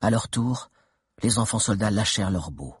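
A man reading a children's adventure novel aloud in a steady, dramatic narration with tense pauses. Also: lowish voice, breathy edge, no echo, studio quality. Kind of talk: audiobook narration.

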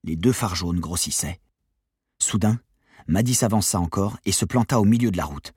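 Audiobook reader, man, lowish husky voice, dry close sound, steady. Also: moderate pace, dry recording. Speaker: audiobook narrator. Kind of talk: scripted novel narration.

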